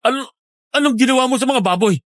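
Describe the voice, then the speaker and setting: A woman's voice: high voice, fast, no echo, studio quality, voice pushed up, lightly acted. A woman voicing a bewildered, impatient young man who gives urgent orders in a horror story. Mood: shocked, confused. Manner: urgent, commanding.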